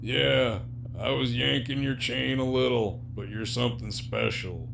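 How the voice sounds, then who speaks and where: A man playing Negan, slow-talking jaded villain. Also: medium pitch, steady tone, creaky. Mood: sincere, regretful. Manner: profane, wry, teasing drawl. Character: jaded, sardonic male prisoner villain, weary and despairing. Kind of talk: audio drama acting. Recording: faint background hum and noise.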